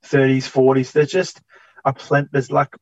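Co-host on dull, glitchy audio. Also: male voice, mid-range voice, completely flat delivery, unhurried, dry recording. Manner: easygoing, hesitant with fillers. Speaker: podcast co-host. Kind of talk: casual sports fantasy chat. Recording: dull remote audio that turns robotic at times.

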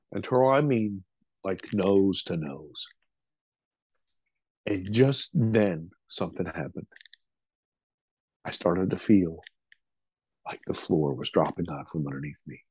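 A man's voice: mid-range voice, a little mellow, husky, dry recording. A middle-aged man, a podcast interview guest, vividly retelling a frightening childhood memory in a loose, casual way, swearing freely.

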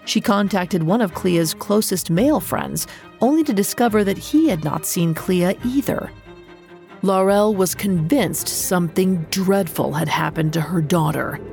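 A woman narrating a scripted true-crime story as host, in a measured, suspenseful crime show manner. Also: on the low side, lively intonation, creaky, darkish tone. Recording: music under the voice. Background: background music.

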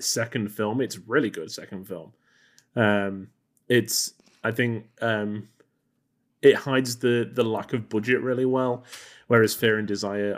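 A man co-hosting a casual film podcast, easygoing and quick to chime in with short replies. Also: lowish voice. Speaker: podcast co-host. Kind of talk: casual film review chat.

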